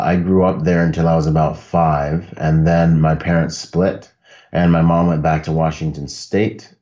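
A relaxed Bahamian man with a very deep, slightly mellow voice spins loose, casual stories as a guest on a podcast. He laughs easily throughout. The recording sounds dull and lo-fi.

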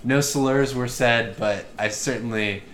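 A man's voice: mid-range voice, a little slow, fairly bright tone, a little hiss or hum. A young man co-hosting a podcast, rambling with crude, self-deprecating jokes and lots of fillers. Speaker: podcast co-host. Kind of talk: casual podcast banter.

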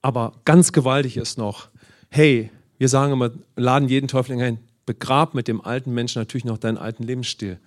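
A male pastor delivering a sermon at a middle pitch. He swings between loud, fervent exclamations and low, murmured asides, and punctuates his points with "Amen" and "ja". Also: fairly even intonation, brisk. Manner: calls out "Amen" and "ja" often.

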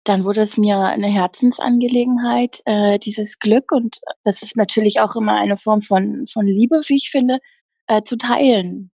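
A woman working as a happiness coach, talking earnestly in an interview with many pauses and restarts. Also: medium pitch, fairly even intonation, mellow, breathy edge, no room sound. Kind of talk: casual interview talk.

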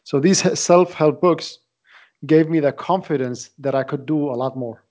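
A man in his late twenties, originally from Iraq, talking as a podcast guest in a halting way, often repeating words as he searches for them. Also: fairly high pitch, mellow. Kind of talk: casual interview talk. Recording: dull lo-fi audio.

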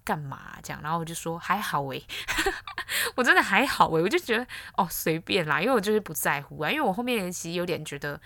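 Young woman host, candid and blunt, slightly low voice, dry booth sound. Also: big pitch swings, quick pace, hardly any pauses, fairly bright tone, dry recording. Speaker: podcast host. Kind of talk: casual solo podcast chat.

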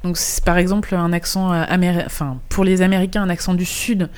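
A woman chats as a podcast guest and explains her work in localization. Her voice sits a little low, and her talk is casual and full of false starts and hesitations. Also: level tone, fairly quick, darkish tone, smooth. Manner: explanatory, with many restarts and hesitations. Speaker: guest, game localization manager.

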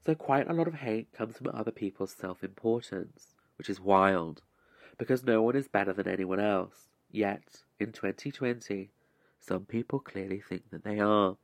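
A man hosting a scripted relaxation podcast, speaking in a measured, deliberate way with arch, formal phrasing and dry wit. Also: fairly low pitch, creaky, dry recording. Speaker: podcast host.

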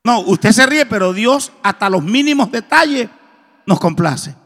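A middle-aged man preaching a testimony sermon, telling his story in a lively way and acting out the dialogue. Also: high voice, measured pace. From Colombia. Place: church. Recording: reverberant church hall.

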